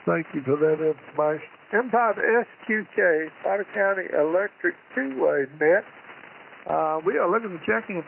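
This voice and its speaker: A man's voice: high voice, expressive, normal speed, gravelly. A man running an amateur radio net over single sideband, chatting and taking check-ins in a casual, folksy, informal way. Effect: single sideband radio transmission. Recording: tinny narrowband radio signal, faint static.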